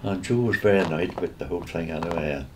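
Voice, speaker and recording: Older Northern Irish man, low-pitched, reminisces in rambling anecdotes, faint room hum behind. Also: quick pace. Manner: rambling anecdotes with hesitant restarts and chuckles. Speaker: interviewee. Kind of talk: reminiscing storytelling.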